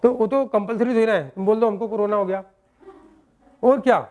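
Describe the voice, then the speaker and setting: High-voiced man teaching a maths class. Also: darkish tone. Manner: quizzes students with quick repeated questions; chatty, joking with students. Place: classroom with students.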